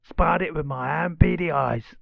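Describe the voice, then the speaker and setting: A man's voice: fairly high pitch, moderate pace, creaky, dry recording, muffled recording. A man voicing a smug, sneaky male street-trading creature who spies for others, talking in ungrammatical street slang. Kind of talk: children's audiobook character voice.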